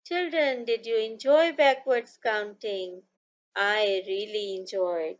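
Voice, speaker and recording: A woman with a Pakistani accent teaching a scripted lesson to young children like a kids' show host, in simple, deliberate, instructional phrases. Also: mid-range voice, fairly even intonation, lo-fi sound. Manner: slow, deliberate, instructional delivery. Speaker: kindergarten maths teacher.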